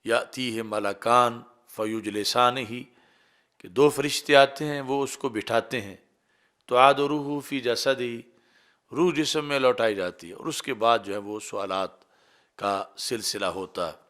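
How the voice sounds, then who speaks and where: Man giving a measured religious lecture. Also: mid-range voice, fairly bright tone, clean tone. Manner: measured explaining, breaks into brisk Arabic recitation. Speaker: Islamic scholar.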